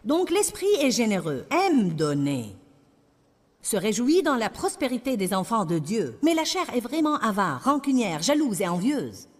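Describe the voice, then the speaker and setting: A woman's voice: on the high side, big pitch swings, unhurried, in a large hall. A woman preaching a sermon in a French voice-over, with emphatic, repetitive declarations.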